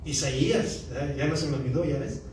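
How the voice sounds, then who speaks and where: A pastor giving a conversational sermon, often checking in with the congregation. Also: male voice, fairly high pitch, steady tone, brisk, darkish tone, slight background noise. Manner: conversational preaching, often asking the congregation "¿verdad?". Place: church sanctuary. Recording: echoey church hall from far off.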